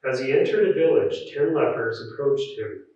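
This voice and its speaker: A man reading scripture aloud in a large church, with a measured, solemn delivery and a cathedral echo. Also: mid-range voice, lively intonation, a little mellow. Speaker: scripture reader. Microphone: distant room microphone. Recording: echoey muffled church recording from far off.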